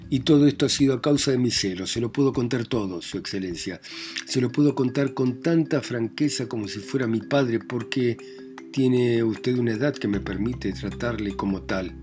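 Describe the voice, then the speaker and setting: Groveling, desperate gentleman played by a male narrator, slow begging delivery. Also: mid-range voice, close to an everyday voice. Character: pleading, humiliated middle-aged man caught under a bed.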